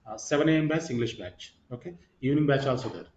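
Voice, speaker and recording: A man's voice: mid-range voice, expressive, quick pace, a little mellow. A man giving an informal online lecture as a course trainer, repeating himself and checking in with "right" and "okay". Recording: roomy echo, slightly muffled sound.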